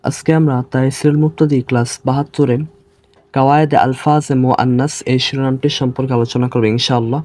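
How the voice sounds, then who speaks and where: A man with a Bangladeshi Bengali accent teaching an online grammar lesson, slowly repeating sounds to show how they are said. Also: medium pitch, flat delivery, a little mellow. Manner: slow, repeats sounds to demonstrate pronunciation.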